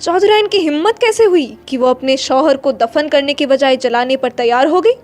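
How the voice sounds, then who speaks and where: Over faint background music, a woman with a high voice narrates literary fiction dramatically, at normal speed.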